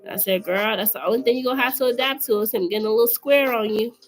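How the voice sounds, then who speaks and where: A woman's voice: fairly high pitch, fast, soft background music, low-quality recording. A woman giving a live-streamed tarot reading, chatty and familiar, calling the viewer girl and honey. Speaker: tarot reader.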